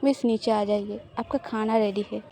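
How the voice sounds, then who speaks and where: A woman's voice: mid-range voice, fairly even intonation, moderate pace, warm tone, slight background noise, voice pushed down, close to an everyday voice. A woman voicing a polite, deferential household maid in an audio story.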